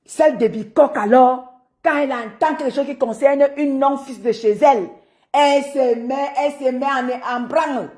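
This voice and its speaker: High-voiced Cameroonian woman streaming live. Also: moderate pace. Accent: Cameroonian French. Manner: animated, teasing, laughs often, addresses viewers by name. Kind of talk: casual live-stream commentary.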